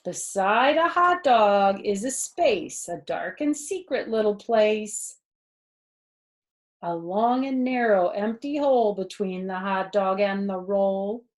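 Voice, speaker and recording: Indoors in a living room, a grandmother in her fifties reads aloud to children with expression, speaking slowly in a mid-range voice. She adds simple asides, explains words plainly, and asks her listeners questions.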